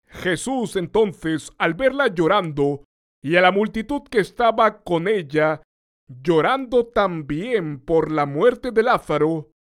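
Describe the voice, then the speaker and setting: A man preaching a sermon, explaining a scripture passage in a deliberate, explanatory way. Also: high-pitched.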